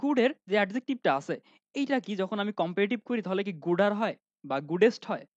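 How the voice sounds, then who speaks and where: A man's voice: sits high, animated, brisk, dry recording, muffled recording. A man teaching an online grammar lesson, often asking questions and answering them himself, with many fillers.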